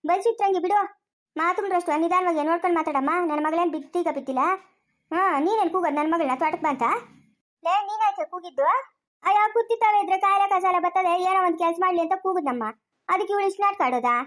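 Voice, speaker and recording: Fast high-voiced village woman scolding. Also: fairly bright tone. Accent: rural Chikkaballapur Kannada. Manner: quarrelsome, scolding back-and-forth. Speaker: village family skit performer. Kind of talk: comic village skit dialogue.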